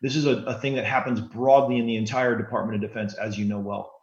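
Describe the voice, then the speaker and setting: A man in his forties, a guest author on an interview podcast, explaining in an earnest, steady way. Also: fairly low pitch, fast. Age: 40s. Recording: roomy, slightly dull sound.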